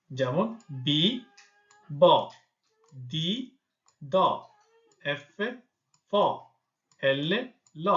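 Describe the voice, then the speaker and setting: A man with a fairly high, fairly bright voice teaches Italian pronunciation in Bengali, patiently spelling out letters and example words one by one. The audio is reverberant with the highs cut off.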